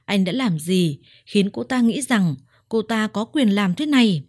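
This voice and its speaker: A woman's voice: medium pitch, expressive, measured pace, darkish tone, no echo, studio quality. A woman voicing a betrayed young wife who speaks in a trembling, accusing way. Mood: angry. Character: young wife, hurt and angry.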